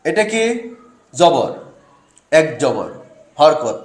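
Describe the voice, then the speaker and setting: A man's voice: on the high side, very animated, drawn-out words, roomy sound. A man teaching Quran recitation step by step, asking questions and answering them himself.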